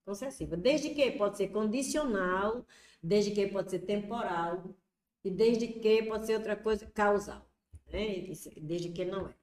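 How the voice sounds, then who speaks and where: A woman's voice: mid-range voice, darkish tone, roomy sound. A woman with a Brazilian Portuguese accent teaching an exam prep lesson, explaining step by step and asking and answering her own questions.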